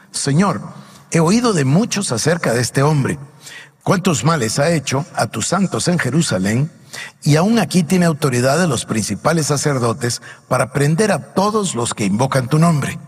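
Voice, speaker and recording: A man preaching a sermon, reading scripture aloud and pausing to ask the congregation emphatic questions. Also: fairly high pitch, husky, big-room sound. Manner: reads Bible passages aloud then comments with emphatic questions to the congregation.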